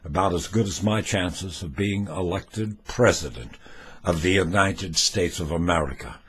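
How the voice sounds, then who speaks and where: A man's voice: low voice, measured pace, fairly bright tone, breathy edge. A man making a homemade commentary video, talking emphatically and demonstrating with props as he goes. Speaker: amateur video maker.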